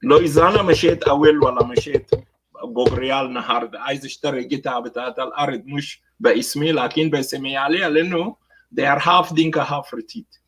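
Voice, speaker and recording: A man with a South Sudanese Arabic accent giving political commentary, slipping between Arabic and English and pausing on many fillers. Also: medium pitch, steady tone, fairly bright tone, slightly rough, low-quality recording. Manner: mixes Arabic with English phrases.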